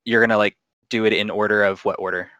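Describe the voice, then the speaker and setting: Man, game master, lowish voice, very dry close sound, casual narration. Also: fairly even intonation, quick pace, pushed and bright, no room sound, highs cut off.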